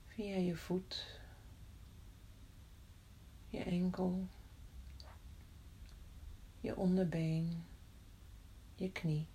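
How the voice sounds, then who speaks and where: A woman guides a body-scan meditation in a soft voice that often drops to a whisper. She talks very slowly and calmly, leaving long pauses. Her tone is low and mellow. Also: rough recording. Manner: slow, calm, with long pauses.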